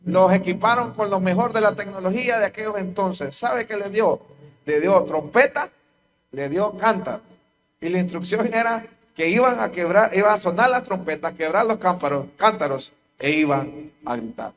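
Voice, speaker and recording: A man's voice: high voice, normal speed, a bit bright. A man with a Honduran accent preaching a sermon to a church congregation, repeating key lines with emphasis. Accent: Honduran Spanish. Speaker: pastor.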